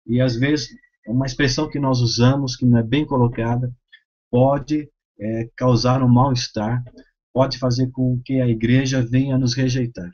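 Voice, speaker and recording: Pastor coaching new preachers, lo-fi sound. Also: male voice, mid-range voice, fairly even intonation, darkish tone. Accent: Brazilian Portuguese. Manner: measured, advisory, with frequent hesitations and restarts. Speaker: pastor teaching a preaching course. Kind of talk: instructional talk. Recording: slightly dull, lo-fi sound.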